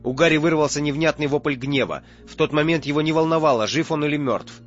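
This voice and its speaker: A man's voice: fairly high pitch, quick pace. A man reading an audiobook as narrator in a tense, dramatic way. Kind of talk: scripted narration. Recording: muffled audio with faint music.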